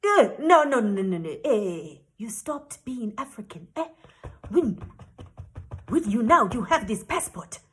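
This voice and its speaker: A woman's voice: fairly high pitch, very animated, unhurried, a bit bright. A woman imitating a stubborn, flustered male immigration officer who insists and keeps repeating "eh" and "ah". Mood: insistent.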